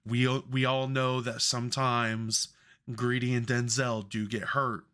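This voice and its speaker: A man with a bright, forceful voice co-hosts a casual sports podcast. He tells worked-up, profanity-laced stories and talks loosely about football. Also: medium pitch, level tone, measured pace, smooth. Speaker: podcast co-host.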